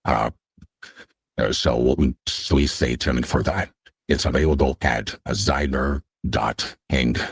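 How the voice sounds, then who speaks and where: Man through a deep gravelly voice changer. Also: no room sound, clean studio sound. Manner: halting, with many hesitations. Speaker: guest on a podcast. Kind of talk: casual online chat. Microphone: online audio room.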